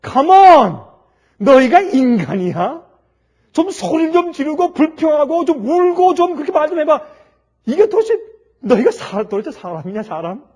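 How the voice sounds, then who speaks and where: A man voicing a scornful atheist hospital switchboard operator who mocks loudly. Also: very high-pitched, very animated, very slow, hardly any pauses, voice pushed up, heavily acted. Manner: loud, mocking, jeering.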